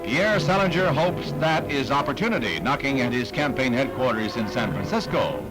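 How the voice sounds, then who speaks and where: An American man reads scripted 1960s newsreel narration in a punchy, wry announcer style, with music behind him on the newsreel soundtrack. His medium-pitched voice is expressive at a normal speed, and the recording is rough.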